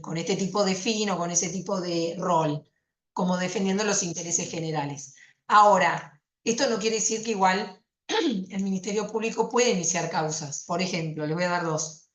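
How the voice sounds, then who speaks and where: A woman's voice: mid-range voice, roomy sound. A woman prosecutor giving a university lecture on consumer law, explaining conversationally with fillers and rhetorical questions.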